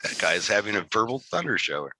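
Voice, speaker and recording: A man's voice: on the low side, big pitch swings, fast, pushed and bright, slightly rough, no room sound. A man with a Michigan Great Lakes accent hosting a casual interview in a rambling, self-deprecating way. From Michigan, United States. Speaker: interview host.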